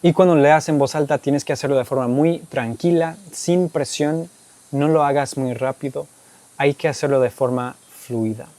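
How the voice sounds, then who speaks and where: Warm-voiced man explaining in learned Spanish. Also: on the high side, moderate pace, no echo. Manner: explanatory, tags statements with "¿ok?" and "¿verdad?"; speaks Spanish as a learned second language. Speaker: YouTuber answering viewer questions. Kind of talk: casual Q&A monologue.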